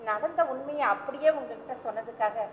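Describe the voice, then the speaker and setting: A woman's voice: a little high, brisk, slight background noise, natural voice. An actress playing an anxious mother of two who hesitantly pleads and confesses, in an old stage play recording. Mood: pleading. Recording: roomy hall, dull lo-fi old stage recording.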